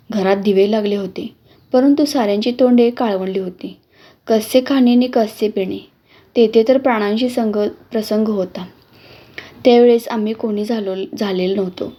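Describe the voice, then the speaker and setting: A woman reading a classic novel aloud as a storyteller, in an earnest, measured way. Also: mid-range voice, mellow.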